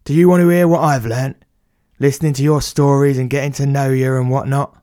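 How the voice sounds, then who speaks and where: A man's voice: medium pitch, fairly even intonation, a little fast, warm tone, dry recording, clean studio sound, close to an everyday voice. A man voicing a cheeky, blunt working-class plumber, in a comic audio story. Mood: deadpan. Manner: blunt, matey, slangy.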